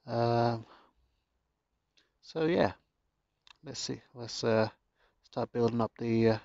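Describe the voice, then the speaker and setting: A man giving a casual how-to narration in his garden, relaxed and chatty with jokey asides, recorded on a handheld phone. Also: medium pitch, takes it slowly, vocal fry, no room sound, dull audio. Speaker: gardening vlogger. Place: home garden, outdoors.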